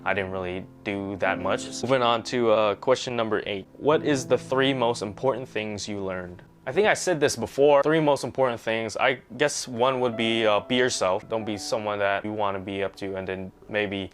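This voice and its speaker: A man's voice: fairly low pitch, normal speed, hardly any pauses, faint music behind. A young man in a casual vlog, rambling through questions and school stories and tagging his sentences with "right?". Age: young adult. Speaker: vlogger.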